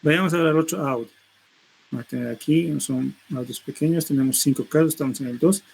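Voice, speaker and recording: A man's voice: on the high side, quick pace, creaky, darkish tone, a little hiss or hum, rough recording. A middle-aged man teaching a university seminar, explaining step by step and tagging his phrases with a questioning "no?". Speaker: linguistics lecturer.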